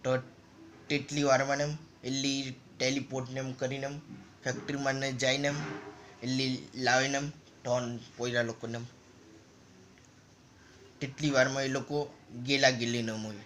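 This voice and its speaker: A man's voice: medium pitch, flat delivery, moderate pace, pauses often, fairly bright tone, slight background noise. A man casually narrating a story over a game, in loose, rambling and repetitive phrases. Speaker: gaming channel narrator.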